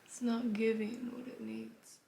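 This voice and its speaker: Woman with a gravelly vocal fry. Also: a little high, little pitch movement, measured pace, background noise. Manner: chatty, rambling, often drops to a whisper. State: a bit out of breath. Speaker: makeup vlogger. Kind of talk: casual makeup tutorial.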